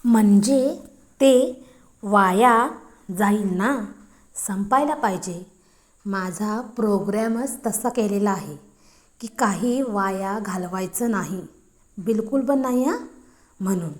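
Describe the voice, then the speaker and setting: A thrifty, coy robot housemaid, voiced by a woman narrator, speaks in a meek, deferential way in an audio storybook. Her talk is slow and unhurried, and her voice sits at a middling height. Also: medium pitch, warm tone, echoey room, natural voice.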